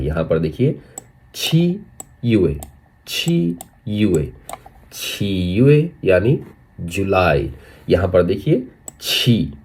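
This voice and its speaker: Slow husky-voiced male language tutor. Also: lowish voice, dark tone. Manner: repeats each word slowly several times, drawing out syllables; addresses viewers as friends, checks in with "okay". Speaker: Chinese language teacher. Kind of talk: slow spoken language lesson.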